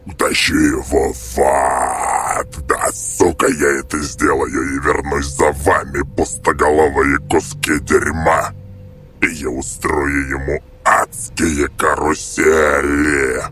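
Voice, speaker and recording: A deep, layered demon voice. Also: male voice, flat delivery, slow, soft background music, heavily acted. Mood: raging threats. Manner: snarling, threatening, shouting. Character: raging demon possessing a boy. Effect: demonic layered voice, deep and distorted. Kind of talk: audiobook character voice.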